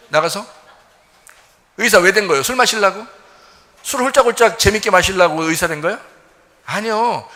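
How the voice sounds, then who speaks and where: A man's voice: high voice, sharp tone, in a large hall. A male pastor preaching a sermon in a conversational way, firing off rhetorical questions and acting out little quoted exchanges. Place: church.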